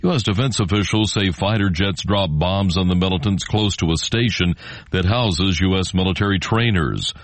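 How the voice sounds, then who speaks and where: A low-pitched American man anchors a radio newscast. He reads from a script, and the sound is very dry, with no room on it. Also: normal speed, no room sound. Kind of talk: scripted news reading.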